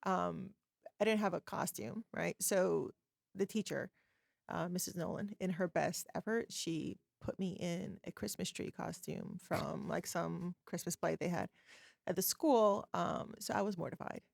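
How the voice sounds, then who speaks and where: A middle-aged woman from Poland speaks as a podcast guest, hesitant and full of ums as she tells stories. Her voice is fairly low with a gravelly rasp, recorded dry. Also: a little slow, no room sound. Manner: hesitant, frequent ums, storytelling. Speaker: forensic psychologist guest. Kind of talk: casual interview chat.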